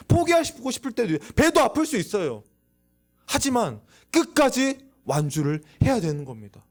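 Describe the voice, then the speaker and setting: A man preaching a youth sermon in a church, asking the listeners questions and acting out voices. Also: high-pitched. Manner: lively, acts out quoted voices, asks the audience questions. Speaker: youth pastor. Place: church sanctuary.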